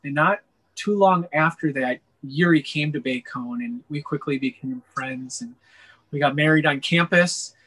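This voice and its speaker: A man's voice: fairly high pitch, a little slow, low-quality recording. Earnest Wisconsin-raised man, interview guest. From Wisconsin, USA. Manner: earnest, steady, frequent "uh" fillers. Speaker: missionary guest. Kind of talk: interview answers.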